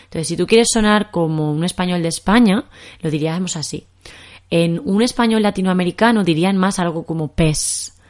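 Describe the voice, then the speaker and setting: A woman's voice: on the low side, a little fast. A young woman from Spain with a Castilian accent, teaching Spanish in a podcast lesson and explaining patiently with examples.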